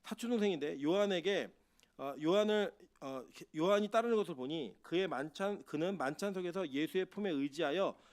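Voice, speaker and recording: A man's voice: sits high, animated, normal speed, a little mellow. A man preaching a sermon as pastor of a church, asking the congregation questions and acting out Bible figures in quoted speech.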